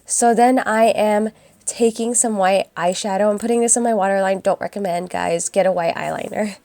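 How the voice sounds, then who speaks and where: A young woman with a raspy, hoarse voice from a cold, chatting casually through a makeup tutorial voice-over. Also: medium pitch, fairly even intonation, normal speed, mellow, no room sound. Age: young adult. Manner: chatty and upbeat, addresses viewers as guys. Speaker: beauty vlogger. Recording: voice-over with faint music behind.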